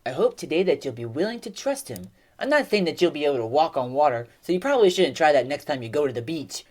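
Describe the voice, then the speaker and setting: A young woman teaching a children's Bible lesson, telling the story in an expressive, animated way. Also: deep voice, fast.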